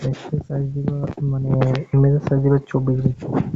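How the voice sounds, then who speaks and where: A man's voice: mid-range voice, completely flat delivery, fast, lo-fi sound, over music. A man from Bangladesh talking through an app-building tutorial step by step in a casual way, often correcting himself as he goes. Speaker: tutorial host.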